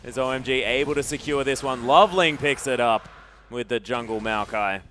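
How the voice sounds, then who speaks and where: A man giving live play-by-play commentary on an esports match, getting loud and excited in the fights. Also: normal speed, slight background noise. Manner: excitable, rises loud and high during fights.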